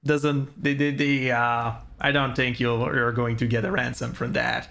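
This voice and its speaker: A man improvising as game master of a tabletop roleplaying game, haltingly and repeating words as he goes. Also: medium pitch, level tone, vocal fry, sharp tone.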